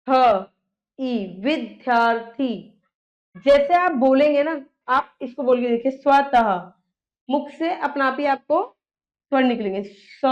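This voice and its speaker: A woman's voice: high-pitched, lo-fi sound. A woman teacher giving a grammar lesson, sounding out letters one by one and often checking in with her students. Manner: often checks in with "theek hai".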